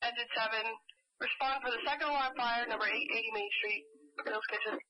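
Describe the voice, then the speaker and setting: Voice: medium pitch, steady tone, fairly quick, very noisy. A fire alarm dispatcher on a two-way radio, giving procedural instructions and repeating them back.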